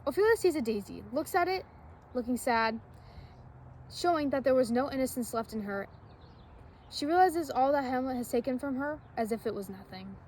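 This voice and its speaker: A woman's voice: sits high, lively intonation, normal speed, a little mellow. A woman reading out a scripted literary explanation as a student guest. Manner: spells out quotation marks aloud. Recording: faint outdoor background noise.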